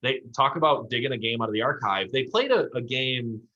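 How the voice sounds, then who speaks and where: Encouraging improv coach, man, bright forceful tone, dull lo-fi audio. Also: mid-range voice, a little fast. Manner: rambling, encouraging, lots of fillers. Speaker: improv league coach and co-host. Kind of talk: casual recap chat.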